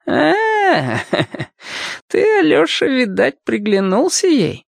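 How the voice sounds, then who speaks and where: A kindly old cobbler in a storybook, quavering and folksy, as a male narrator puts him on. He talks slowly and slyly, his pitch rising and falling widely, with a gravelly grain. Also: huge pitch swings, dry recording, exaggerated voice. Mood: teasing. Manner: folksy, teasing, slow and sly. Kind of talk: audiobook character voice.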